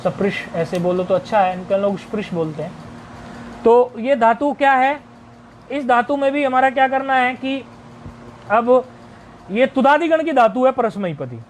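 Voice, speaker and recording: High-voiced man teaching Sanskrit grammar. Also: a little hiss or hum. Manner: explains step by step, often asks and answers his own questions; recites word forms slowly in a chant-like list. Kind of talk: recorded video lesson.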